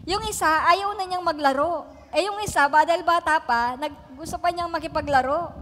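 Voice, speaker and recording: A middle-aged woman from the Philippines preaches in a church hall, her high voice trailing a long reverb. She talks in a chatty, homely way, laughs often and keeps asking the congregation to agree. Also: moderate pace, a bit bright, a little hiss or hum. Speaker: pastor. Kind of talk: sermon with personal stories.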